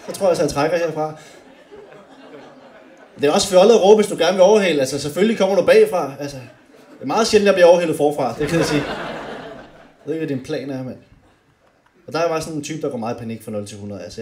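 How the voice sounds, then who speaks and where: A young man doing stand-up comedy on a club stage, animated and often shouting his punchlines. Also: fairly high pitch. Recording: roomy club with faint noise.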